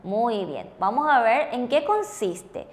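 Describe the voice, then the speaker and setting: A woman's voice: on the high side, very animated, slow. A woman teaching a language lesson, patiently explaining steps and confirming answers with her co-teacher. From Paraguay. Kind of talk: classroom explanation with questions.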